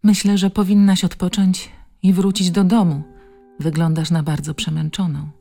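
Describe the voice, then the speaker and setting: A woman's voice: lowish voice, little pitch movement, moderate pace, creaky, warm tone, soft background music, pitched above the performer's own voice. A woman voicing a tired, bitter woman just woken in hospital, speaking resigned and cynical. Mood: weak resigned.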